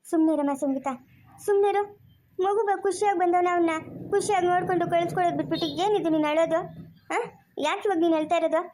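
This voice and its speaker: A woman's voice: extremely high pitch, quick pace, mellow, a little hiss or hum. A woman with a Chikkaballapur Kannada accent playing a stern older woman who scolds and lectures a grieving relative. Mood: scolding. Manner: scolding, preachy. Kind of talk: family drama acting.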